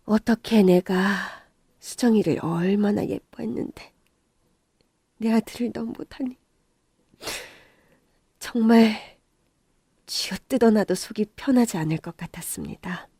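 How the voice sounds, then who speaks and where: A middle-aged woman narrating a radio drama story as the mother, shouting furiously in scenes and narrating in a hushed confessional tone. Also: mid-range voice, unhurried, long pauses, slightly rough, no room sound, clean studio sound.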